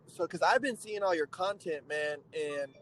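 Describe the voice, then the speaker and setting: A man hosting a casual interview, talking in an excited, slang-heavy way full of filler phrases. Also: fairly high pitch, moderate pace, a little hiss or hum, rough recording. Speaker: interviewer, host.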